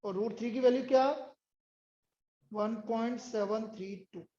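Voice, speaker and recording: A stern male teacher lecturing a room of students, firing questions and answering them himself. His voice is warm and low in brightness, and the muffled, dull recording carries the roomy echo of the classroom. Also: fairly even intonation, measured pace. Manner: stern, scolds latecomers. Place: indoor classroom.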